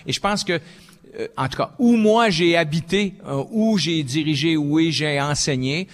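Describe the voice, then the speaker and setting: An older man from Quebec with a Québécois accent, answering as a panelist in a halting way, with many fillers and frequent "ok"s. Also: on the high side. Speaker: panelist, former school principal.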